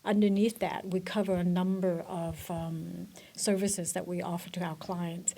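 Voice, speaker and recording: Soft-spoken woman from Vietnam, thoughtful. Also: lowish voice, flat delivery, measured pace, gravelly. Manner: thoughtful, with frequent fillers and restarts. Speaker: guest, benefits director. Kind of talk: conversational business interview. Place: corporate office.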